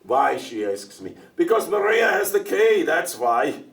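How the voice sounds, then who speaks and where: A stage actor's monologue presents a chatty older dairyman fresh from Russia who jokes, trips over his words and answers with questions of his own. His fairly high voice swings widely in pitch at a measured pace and carries as if from across a theater stage.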